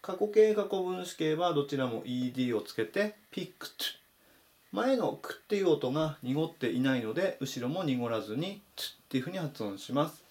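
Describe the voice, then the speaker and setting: A man teaching English vocabulary in Japanese, saying each word slowly and clearly in a voice-over lesson. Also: fairly high pitch, expressive, a little mellow. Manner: slow, careful spelled-out pronunciation of English words.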